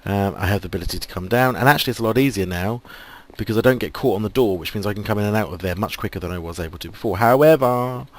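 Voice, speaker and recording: With hardly a break, an Englishman races through casual commentary on his game for a gaming video, sprinkling in many ums while his voice goes. His voice is fairly low, and the sound has no echo.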